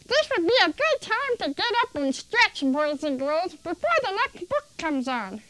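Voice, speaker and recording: Childlike TV host character, very high and singsong, played by a woman, for a kids' show. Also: very animated, a little slow, a bit bright, no room sound, heavily acted, rough recording. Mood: cheery. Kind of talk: children's TV acting.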